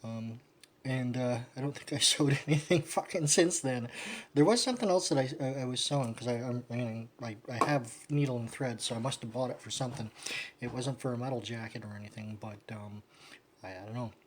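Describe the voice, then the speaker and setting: Sewing on camera, this mid-pitched vlogger explains how to do it in a brisk, casual chat. He rambles, lets sentences trail off and swears offhandedly, sounding loose and unpolished, as if thinking out loud.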